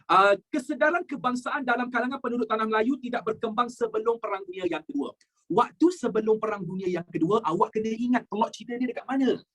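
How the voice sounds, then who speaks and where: Woman, Malaysian accent, history teacher, exam practice, husky voice, lively and quizzing. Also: a little high, fast. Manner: lively, quizzing, drops English words into her talk.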